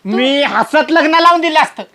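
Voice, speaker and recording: A woman's voice: high voice, expressive, normal speed, pushed and bright, exaggerated voice. A woman playing an angry middle-aged village father who scolds his daughter indignantly. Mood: scolding. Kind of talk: comedy sketch acting.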